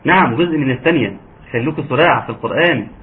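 A man with an Egyptian accent teaching a tajweed lesson, patient and encouraging, sometimes slowing into drawn-out recitation. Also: medium pitch, animated. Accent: Egyptian Arabic. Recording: narrow phone-like audio, faint hiss.

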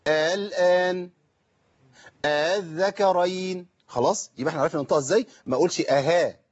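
A man with an Egyptian Arabic accent teaching Quran recitation. He answers viewer questions, asks himself rhetorical questions and demonstrates words with slow, drawn-out recitation. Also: a little high, darkish tone, breathy edge, lo-fi sound.

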